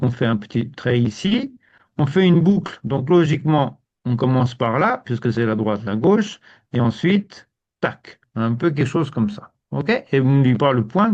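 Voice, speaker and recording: A man teaching a live language lesson to students, in a relaxed way, repeating words and often saying "ok". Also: fairly high pitch, highs cut off.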